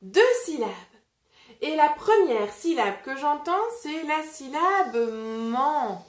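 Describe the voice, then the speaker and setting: A woman teacher reads a children's book and breaks words into syllables, speaking very slowly and clearly. Her voice is fairly high and swings lively up and down. The room adds a noticeable echo. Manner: slow, clearly articulated, animated teacher voice. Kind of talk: interactive storybook reading and phonics lesson. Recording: roomy echo.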